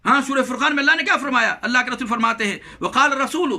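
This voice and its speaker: A man preaching a Ramadan sermon in a scolding, exhorting way, who repeats phrases for emphasis and slows into melodic recitation of verses. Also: extremely high pitch, sharp tone.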